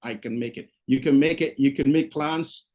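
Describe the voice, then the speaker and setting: A man's voice: medium pitch, moderate pace, darkish tone. A man hosting an online information session, giving upbeat, repetitive updates and urging listeners as leaders over a video call. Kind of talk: motivational presentation to an online audience.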